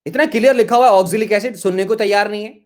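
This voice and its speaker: A man's voice: high voice, quick pace, a little mellow. A middle-aged man teaching chemistry in a live online class, scolding students over their chat messages in an exasperated, repetitive way. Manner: scolding, exasperated, repeats insults.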